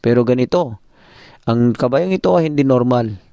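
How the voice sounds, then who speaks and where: A man voicing a kindly male pastor who explains things gently and patiently, on a dull, dry recording. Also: mid-range voice, moderate pace, vocal fry, no room sound, close to an everyday voice. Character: kindly male pastor lending his horse.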